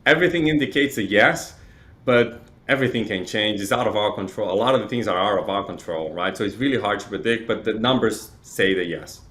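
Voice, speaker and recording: Lowish and fairly bright, this man's voice moves a little fast as he explains things in a conversational interview. He's from Chile, provides real estate data, and leans on frequent "right?" tags.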